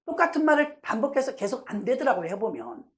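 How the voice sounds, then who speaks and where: Pastor woman preaching an animated testimony. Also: on the high side, fast. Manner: animated storytelling, acting out her own past prayers. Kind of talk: testimony sermon.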